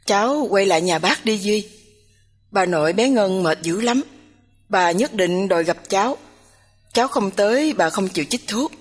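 A woman's voice: medium pitch, lively intonation, normal speed, breathy edge. A woman voicing an anxious middle-aged female employer with a trembling voice in a storybook reading. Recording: long hall reverb.

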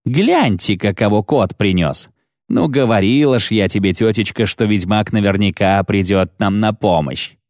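A man voicing an impudent teenage girl in an audiobook, raised high and loud. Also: normal speed, no room sound, clean studio sound, close to an everyday voice. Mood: cheeky. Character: brash cheeky teenage girl.

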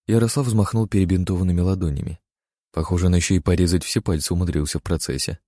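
Deep-voiced male audiobook narrator. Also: fairly even intonation, fast talker, warm tone, no echo, clean studio sound. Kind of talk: first-person fiction narration.

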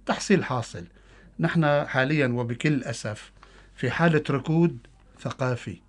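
A man's voice: mid-range voice, moderate pace. A man with a Syrian Arabic accent giving interview answers as a guest poet, mixing formal and colloquial speech.

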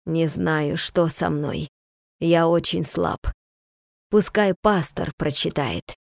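A woman voicing a frail bedridden man just waking from a long sleep, speaking weakly and slowly in a lowered voice. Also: dry recording, close to an everyday voice. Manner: weak, slow, halting speech.

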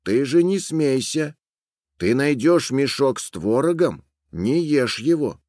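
A man's voice: medium pitch, expressive, takes it slowly, a little mellow, no room sound, studio quality, voice pushed up. A man voicing an old woman who earnestly warns a girl about the road ahead. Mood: warning. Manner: earnest, warning. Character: old woman sitting by a stone, giving warnings.

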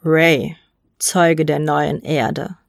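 A woman voicing a hunched male mutant with a rattling, wheezy voice, speaking slowly, low and hissing with mocking menace. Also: little pitch movement, vocal fry, dry recording, studio quality, heavily acted. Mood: sneering.

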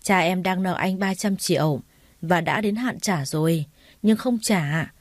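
A woman voicing a smug, lecherous male loan shark who makes slow, leering threats in a storybook reading. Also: lowish voice, no room sound. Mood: leering, menacing.

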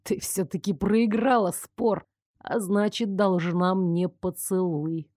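A woman's voice: medium pitch, fairly even intonation, takes it slowly, darkish tone, no echo, clean studio sound. A woman reading the part of a brash, teasing young investigator who grumbles when crossed, in an audiobook. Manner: drawling, sulky grumbling.

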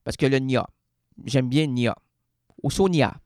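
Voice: unhurried, no echo, clean studio sound. A radio columnist with a Québécois accent delivering an absurd comic monologue, rambling, stopping mid-word and playing with words. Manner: rambling, self-interrupting, playing with words and sounds; swings between high excited bursts and low murmurs.

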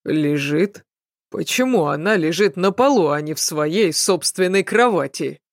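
A woman voicing a sly young male apprentice in an audiobook, speaking in a slow, measured, guarded way. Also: fairly low pitch, lively intonation, no echo, clean studio sound. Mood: wary.

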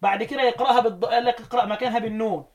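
Egyptian-accented male recitation teacher; quick quiz questions, slow chanted verses. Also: extremely high pitch, steady tone, highs cut off. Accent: Egyptian Arabic. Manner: quizzes listeners with quick questions, then chants verses slowly. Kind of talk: lecture explaining recitation variants.

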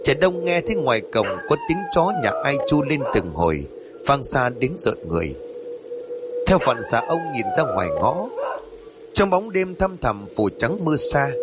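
A man narrating a ghost story in a dramatic, drawn-out reading. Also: mid-range voice, heavy background noise. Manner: dramatic, slow and drawn-out in tense passages.

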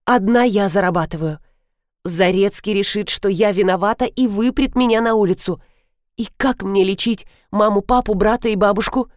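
A woman's voice: medium pitch, moderate pace, darkish tone, no room sound, clean studio sound, natural voice. A woman voicing a flustered young female event organizer who chatters shrilly and pleads, in an audiobook reading. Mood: tearful lying.

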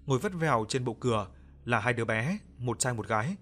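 A man narrating an audio ghost story in a calm, even reading voice. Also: mid-range voice, fairly quick. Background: soft background music.

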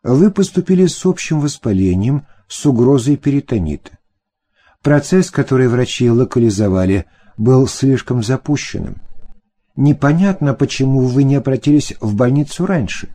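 A man's voice: mid-range voice, expressive, moderate pace, warm tone, natural voice. A man voicing an elderly male American social worker who asks questions politely and with detachment in an audiobook. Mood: formal.

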